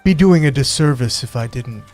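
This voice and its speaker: A man voicing a gentle, polite minotaur knitter who keeps a tailor's stall in a tabletop game, speaking in an unhurried, earnest way, with music underneath. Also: mid-range voice, animated, close to an everyday voice.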